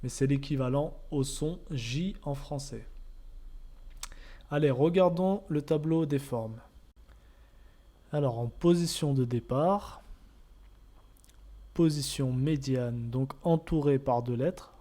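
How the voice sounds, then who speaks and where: Male teacher, slow patient delivery, mellow dark tone, walks learners through each example. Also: mid-range voice. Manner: patient, repeats each point, models sounds. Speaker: Arabic reading teacher. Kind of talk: step-by-step lesson narration.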